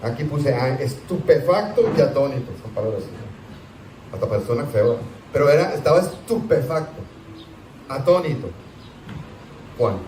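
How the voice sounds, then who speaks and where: A man, a pastor, teaching a Sunday school class in a conversational, animated way, asking his listeners rhetorical questions. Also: medium pitch, moderate pace, pauses often, slight background noise. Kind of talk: sermon teaching. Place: church hall. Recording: echoey church room, distant mic.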